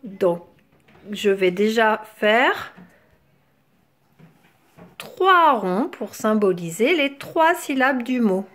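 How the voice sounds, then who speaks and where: A woman's voice: a little high, sing-song, fairly bright tone. A woman teacher explaining a classroom exercise to young children, sounding out words syllable by syllable. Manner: syllable-by-syllable enunciation, drawn-out words.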